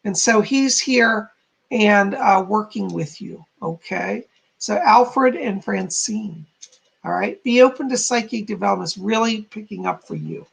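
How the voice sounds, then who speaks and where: Hoarse, croaky man with heavy creak. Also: high-pitched, unhurried, a bit bright, poor audio. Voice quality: husky, croaky frog voice. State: hoarse, voice giving out. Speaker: psychic medium live stream host. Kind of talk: live spiritual readings for donors.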